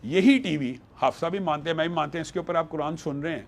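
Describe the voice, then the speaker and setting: A man's voice: on the high side, gravelly. A man, a religious scholar, talking earnestly and arguing his case in a panel discussion, quoting scripture along the way. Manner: earnest, argumentative, quotes scripture.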